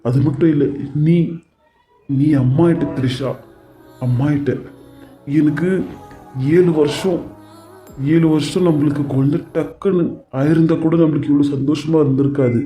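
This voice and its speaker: A man voicing a devoted husband and father-to-be in an animated serial, emotional and reassuring. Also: fairly high pitch, lightly acted. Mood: joyful. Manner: emotional, reassuring, talks in long rushes. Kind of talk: cartoon serial voice acting. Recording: dull lo-fi audio with faint music.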